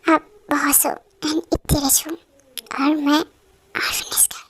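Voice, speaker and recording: A young woman voicing a shy, emotional female office employee in an amateur Hindi fan dub, speaking softly and politely, often close to tears. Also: very high voice, a little slow. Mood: tearful. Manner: soft, tearful, polite pleading.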